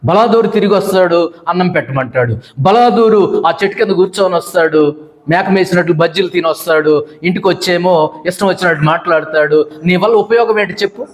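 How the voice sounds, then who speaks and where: A man's voice: high-pitched, brisk. A middle-aged male pastor preaching a sermon, driving his points home with long repeated lists and acting out the complaints of wives.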